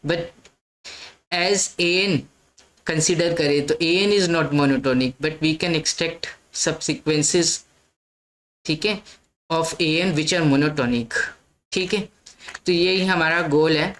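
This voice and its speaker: Woman teaching maths, low voice, takes it slow, step by step. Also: rough recording. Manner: explains step by step, often says "ठीक है". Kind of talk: lecture mixing Hindi and English.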